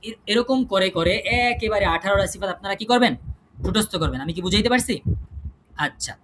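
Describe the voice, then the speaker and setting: High-voiced man drilling tajweed terms. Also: lively intonation, brisk, fairly bright tone. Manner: repetitive drilling, rhetorical questions to students. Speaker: tajweed teacher. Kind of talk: online class lecture. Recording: noisy online class audio.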